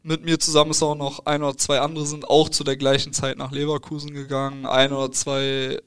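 Young male footballer guest, even, smooth voice, casual and hesitant. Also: medium pitch, fairly quick. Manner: relaxed, hesitant with fillers and restarts. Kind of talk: casual interview answers.

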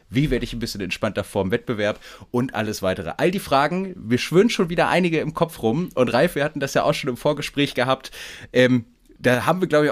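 A man hosts a relaxed podcast, opening with upbeat, somewhat rambling introductions. His voice is mid-pitched and clear. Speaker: podcast host. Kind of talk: casual podcast interview.

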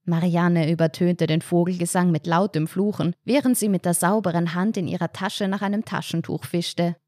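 A woman, reading a humorous short story aloud in a calm, wry narration. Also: lowish voice, normal speed, dry recording, studio quality.

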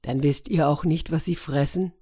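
A woman's voice: deep voice, fairly even intonation, normal speed, dark tone, slightly rough. A woman voicing a grumpy, sarcastic man trapped in a turtle's body, in a storybook reading. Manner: irritable, sarcastic.

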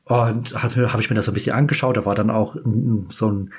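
Husky-voiced man telling a casual anecdote. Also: lowish voice, fairly even intonation, brisk. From Kaiserslautern, Germany. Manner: chatty, meandering, self-correcting. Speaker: podcast host.

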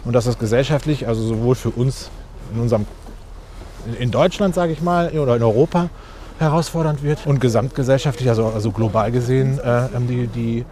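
A man's voice: mid-range voice, brisk, dark tone, a little hiss or hum. A man, answering interview questions outdoors with many fillers and restarts. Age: 40s. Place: outdoors on a street.

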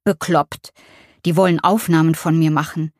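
A woman reading the part of a frail, childlike elderly mother in a care home, speaking softly and simply. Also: sits low, fairly even intonation, moderate pace, dry recording, studio quality, natural voice. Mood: baffled. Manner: soft, quiet and simple.

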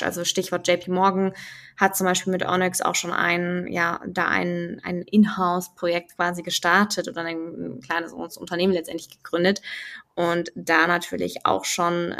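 A young woman talks through her ideas as an interview guest, pausing often with fillers and restarting sentences. Her voice sits low and stays fairly flat in tone. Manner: thoughtful, many fillers and restarts, explanatory. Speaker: guest, finance and crypto expert. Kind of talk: conversational podcast interview.

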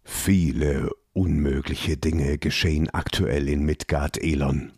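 A man voicing a sinister, blue-skinned male trickster god in a fantasy audio drama, speaking slowly in a breathy, taunting whisper. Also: extremely low pitch, steady tone, a little mellow, no echo, studio quality, voice pushed down, heavily acted. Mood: menacing whisper. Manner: slow, cold and taunting.

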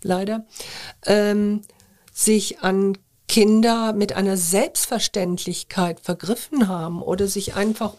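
An older woman who used to be a journalist answers interview questions in a measured, thoughtful manner, hesitating often. Her voice is mid-range with a darkish tone.

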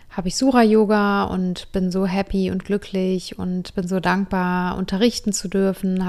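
A woman's voice: fairly low pitch, warm tone. Enthusiastic woman in her thirties. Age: 30s. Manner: enthusiastic, heartfelt, mixing in English words. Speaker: podcast host and yoga teacher. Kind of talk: personal storytelling monologue.

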